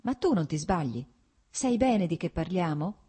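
An agitated young nobleman in love, voiced by a woman reading aloud, speaking in an earnest, urgent, pleading way. The voice stays low and mellow, with a faint huskiness. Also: expressive, normal speed, breathy edge.

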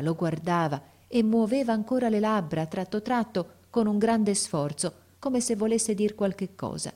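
Brief: low-pitched female narrator, measured expressive audiobook reading.

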